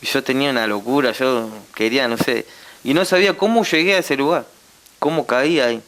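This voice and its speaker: A young Argentine man with a Rioplatense accent giving a heartfelt personal testimony as a guest, halting and full of repeated tag questions. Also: mid-range voice, fairly bright tone.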